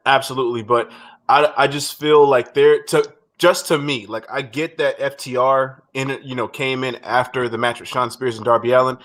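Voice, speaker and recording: A man in the middle of a casual wrestling recap chat, voice at an ordinary middle pitch. He rambles, restarts his sentences and swears freely as he makes his points. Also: a bit bright. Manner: rambling, frequent restarts and profanity. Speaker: podcast co-host.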